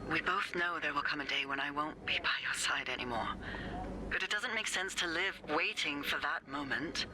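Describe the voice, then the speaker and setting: A woman voicing an ailing wife in a story game, speaking fondly over the phone with slow, teasing endearments. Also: deep voice, crowd noise, rough recording. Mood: affectionate.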